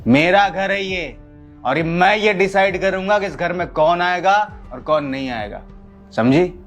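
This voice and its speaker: A bossy, scornful husband in a homemade family drama skit, played by a man. His voice sits a little high and snaps out orders. Faint music plays behind him. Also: lively intonation, unhurried. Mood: angry. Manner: shouting, rude, commanding. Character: harsh domineering young husband, scornful of his in-laws.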